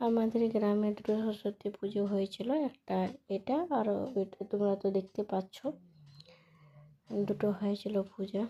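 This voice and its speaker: A woman vlogging casually to her viewers, her voice hoarse from a cold. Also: medium pitch, little pitch movement, normal speed, highs cut off. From Bengal. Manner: chatty, talks to viewers as friends. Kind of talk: casual vlog narration. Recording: noisy background.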